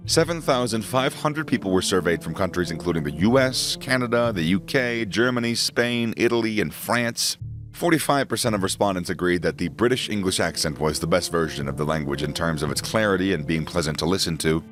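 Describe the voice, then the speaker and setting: A man with a General American accent giving clear, measured scripted educational narration, with light wry asides. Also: low-pitched, expressive, over music.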